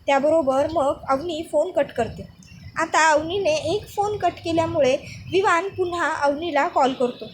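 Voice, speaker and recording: A woman casually retelling a serial episode in a very high voice. She strings scenes together with repeated linking words. A faint ambience is heard behind her. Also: normal speed, slight background noise. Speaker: serial recap narrator.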